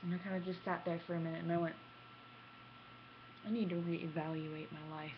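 With a lowish voice that barely moves in pitch and a slightly fast pace, a young adult woman tells casual, animated stories to camera as a gaming vlogger, theatrical and self-deprecating. A webcam at arm's length in her small home room gives dull, lo-fi, noticeably noisy sound.

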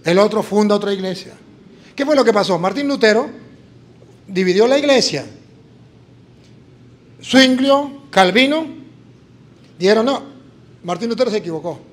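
Latin american priest preaching, high voice, acts out all the voices in his story, faint room noise. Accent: Latin American Spanish. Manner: animated, acts out dialogue in story. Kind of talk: sermon with storytelling.

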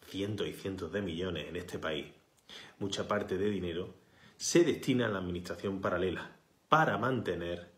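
A man's voice: sits low, a bit bright. Fiery man ranting at his phone. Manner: fiery, emphatic, drops to whispers for stress. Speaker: healthcare worker and activist. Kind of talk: impassioned direct-to-camera protest appeal. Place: small indoor room, bright window behind. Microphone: phone camera at arm's length. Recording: echoey room.

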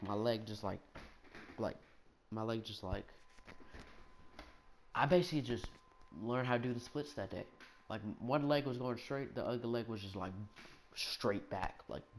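A young man telling a childhood story in a rambling, animated, self-mocking way, with lots of restarts. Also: on the low side, a little hiss or hum. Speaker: gaming video storyteller.

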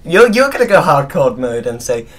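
A man's voice: a little high, big pitch swings, moderate pace, fairly bright tone. A man gaming with friends, mischievously egging the others on and cheering when he wins. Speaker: guest player. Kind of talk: casual gaming banter. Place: indoors, in one room with friends.

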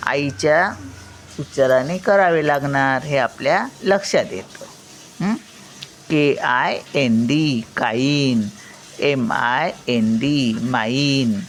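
Older grandmother teaching kids spelling; very unhurried, letter-by-letter delivery with check-ins. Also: a bass voice, slight background noise. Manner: spells out each word slowly then says it, checking with "हं?". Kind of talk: slow spelling lesson, letter by letter.

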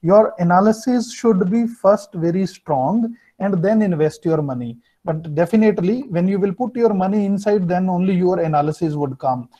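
High-pitched North Indian man teaching online. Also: moderate pace, few pauses, mellow. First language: Hindi. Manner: explanatory, repeats and checks with students. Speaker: finance teacher. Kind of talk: online class lecture, switching between two languages. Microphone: computer mic on video call. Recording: dull, lo-fi video-call audio.

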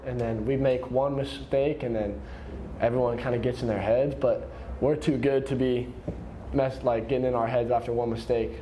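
A young volleyball player answering post-game questions in a casual, relaxed way, full of "like" and "I don't know". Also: male voice, medium pitch, a little hiss or hum. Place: press conference room.

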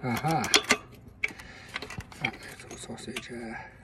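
A man's voice: medium pitch, takes it slowly. A man, talking casually on a phone camera outdoors while he works on a car engine and thinks aloud. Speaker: mechanic vlogger. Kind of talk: casual work vlog. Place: outdoors beside a car with the bonnet open. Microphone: phone camera held close. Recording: outdoor ambience noise behind the voice.

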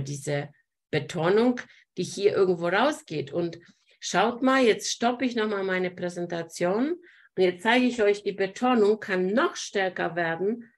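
A woman hosting a live online art lesson, explaining picture composition while pointing things out to her viewers. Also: lowish voice. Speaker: art teacher hosting a webinar.

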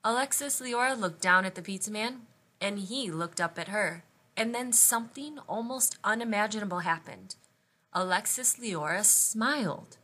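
Woman reading a children's picture book aloud, bright, expressive storyteller. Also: medium pitch, normal speed. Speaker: storybook reader.

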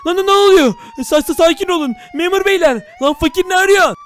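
Excitable man with a high voice. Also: brisk, slight background noise. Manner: excitable, dramatic, exclaiming. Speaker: YouTuber narrating a game role-play. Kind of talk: comic game role-play narration.

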